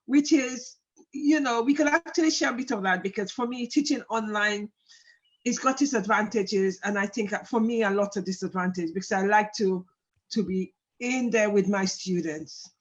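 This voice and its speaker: A woman host prompting her guest in a relaxed, conversational way. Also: medium pitch, normal speed. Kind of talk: casual interview talk. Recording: dull lo-fi audio.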